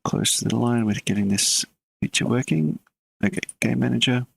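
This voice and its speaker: A game developer streams a live coding session, thinking out loud and chatting casually with viewers between bits of code in a relaxed, muttering way. His medium-pitched voice is gravelly with a breathy edge and a moderate pace, heard in a dry but poor-quality recording.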